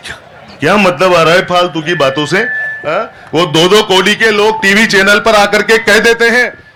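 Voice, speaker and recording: A man's voice: sits high, fairly even intonation, moderate pace, noisy background. A man, a comic poet reciting live on a festival stage, chatty and always asking the crowd "haan?". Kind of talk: live stand-up poetry recital.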